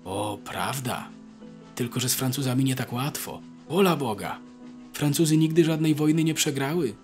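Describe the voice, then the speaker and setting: A man's voice: medium pitch, big pitch swings, normal speed, sharp tone, soft background music. A man voicing a shrewd, boastful older peasant soldier who talks in a folksy rural dialect, scaring his comrade. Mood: boastful, scaremongering.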